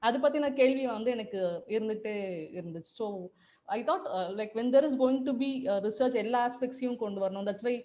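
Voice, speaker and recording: A woman's voice: a little high, dark tone, a little hiss or hum. A woman, answering interview questions reflectively. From Chennai, India. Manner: rapid, reflective, switches between languages mid-sentence. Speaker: podcast co-writer, journalist. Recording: dull lo-fi call audio.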